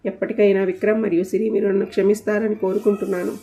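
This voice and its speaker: A woman's voice: mid-range voice, flat delivery, fast talker, warm tone, lightly acted. A woman voicing a jealous young man who falters and pleads in an audio story. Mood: remorseful.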